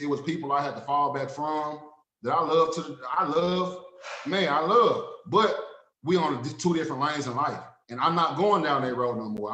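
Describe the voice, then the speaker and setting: A man's voice: a little high, sharp tone, echoey room, rough recording. A man in his thirties from Dallas, Texas, with a Dallas accent, guesting as an author and talking in an earnest, streetwise, repetitive way. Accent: Southern US, Dallas. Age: 30s. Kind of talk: casual interview talk. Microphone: video call.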